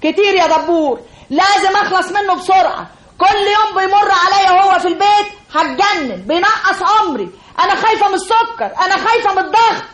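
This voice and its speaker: A woman's voice: very high voice, animated, fast, a bit bright, roomy sound. An actress playing an irate middle-aged Egyptian landlady who gives orders indignantly. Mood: angry. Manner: indignant, commanding.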